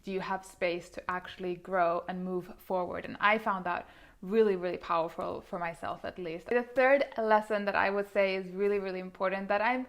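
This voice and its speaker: A woman's voice: medium pitch, steady tone, moderate pace. A thirty-year-old woman vlogging to camera, talking in an earnest, reflective way with frequent hedging fillers. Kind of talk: reflective casual monologue to camera.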